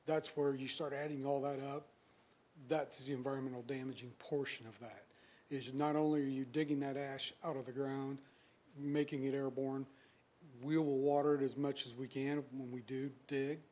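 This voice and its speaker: A man's voice: medium pitch, little pitch movement, normal speed, darkish tone. A man, a utility official, answering a city council's questions in a practical, matter-of-fact way. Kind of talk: explanatory answers.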